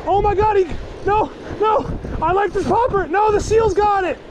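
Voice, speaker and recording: Frantic young man shouting on a windy beach. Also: very high-pitched, moderate pace. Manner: frantic, exclaiming, says bro a lot. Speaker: fishing vlogger. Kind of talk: excited casual commentary while fishing. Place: windy ocean beach outdoors. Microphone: chest-mounted action camera. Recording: loud wind and surf noise.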